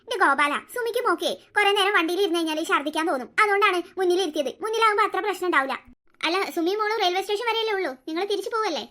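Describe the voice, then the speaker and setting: A woman voicing a bossy, sharp-tongued grandmother in a cartoon story. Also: very high-pitched, expressive, rapid-fire, exaggerated voice. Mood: sweet-talking. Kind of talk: cartoon voice acting.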